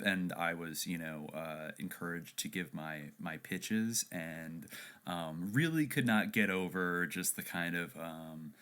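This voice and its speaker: A man co-hosting a podcast, talking casually in a low-key, hesitant way that trails off. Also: a bit bright, clean tone. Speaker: podcast co-host. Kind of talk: casual chat.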